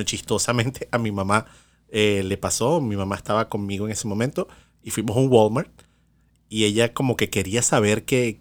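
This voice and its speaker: A man co-hosting a casual podcast. His voice sits a little low, and he talks in a chatty, digressive way full of small restarts and asides. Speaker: podcast co-host.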